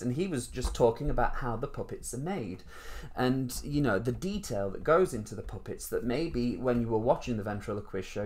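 Chatty self-mocking man from northern England. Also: mid-range voice. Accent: Northern English, Rotherham. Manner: chatty, self-deprecating, rambling. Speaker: performer hosting a live stream. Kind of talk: casual live-stream chat.

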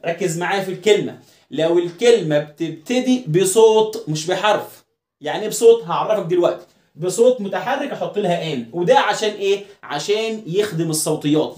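A man's voice: a little high, darkish tone. A man with an Egyptian Arabic accent teaching an English lesson, asking rhetorical questions and answering them himself. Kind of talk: classroom lesson explanation. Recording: roomy echo.

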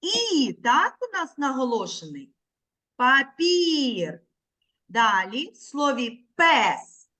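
A woman teaching young children over a video call, with a bright, lively voice that swoops up and down as she coaxes answers. She talks at an unhurried pace and stretches words into clear, separate syllables, like a patient teacher leading a small class through a literacy lesson. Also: sits high. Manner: slow, clearly articulated, patient teacher's prompting. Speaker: primary school teacher.

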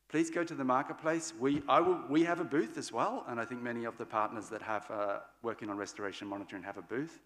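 Guy in his 40s wrapping up a panel on a podium mic, lots of ums and restarts, echoey big hall. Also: medium pitch. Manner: loose, searching phrasing with fillers and restarts. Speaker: panel moderator. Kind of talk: live panel wrap-up at a podium. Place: large conference stage hall. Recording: long hall reverb.

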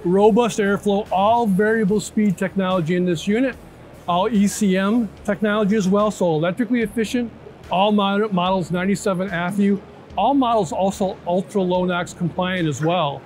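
Music plays under this trade show interview, recorded on a large indoor floor with slight background noise. The speaker, a man in his fifties, has a high, slightly mellow voice at a moderate pace and explains his product step by step, often checking in with "right?" or "okay?".

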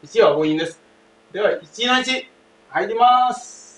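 High, lively male teacher in a roomy space. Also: measured pace. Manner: emphatic, repeats key phrases, often addresses the class. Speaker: language teacher. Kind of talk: classroom lesson. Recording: roomy, distant mic, faint hiss.

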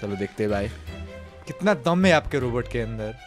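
A young man hosting a gaming video, chatting excitedly and teasing his friend during a role-play. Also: mid-range voice, moderate pace. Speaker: gaming channel host. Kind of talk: casual gameplay role-play chat. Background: game background music.

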